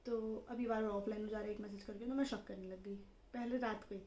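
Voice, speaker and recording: A young woman casually telling the story of how she met her husband, in a lively conversational way. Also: mid-range voice, fast. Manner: chatty, animated, acts out dialogue in quotes. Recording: roomy echo with faint background noise.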